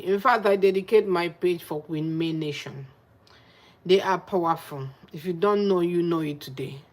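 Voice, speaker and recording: A woman with a blocked nose, chatting to camera as a vlogger and repeating her points for emphasis. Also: mid-range voice. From Nigeria. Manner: emphatic, repeats phrases for effect. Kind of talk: casual chat to camera.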